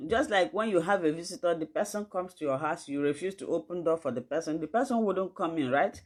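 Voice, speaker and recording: A woman's voice: lowish voice, lively intonation, brisk, darkish tone. A woman with a West African, Nigerian accent giving an informal livestream health lesson, addressing viewers directly and emphatically with rhetorical questions. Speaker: online health teacher.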